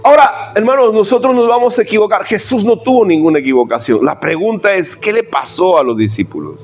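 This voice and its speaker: A man's voice: high voice, lively intonation, a little fast, faint music behind. A man, a pastor preaching a sermon in church. He preaches emphatically, firing rhetorical questions at the congregation and calling them brothers.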